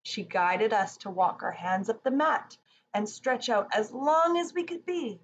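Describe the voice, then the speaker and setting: On the high side and expressive, this woman speaks unhurriedly, with lo-fi sound. A children's yoga teacher, she reads a picture book aloud during a read-along lesson, giving young children simple, encouraging directions. Echo, a distant mic and background noise are present.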